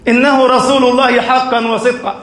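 A man preaching a sermon with passionate, soaring delivery that rises into shouts. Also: very high-pitched, little pitch movement, a little fast, echoey room. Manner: impassioned, rising to shouts.

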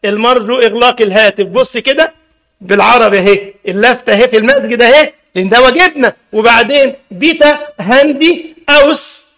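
A man with an Egyptian Arabic accent preaching a sermon in a mosque as imam, lively, full of rhetorical questions and teasing asides to the congregation. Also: very high voice, quick pace.

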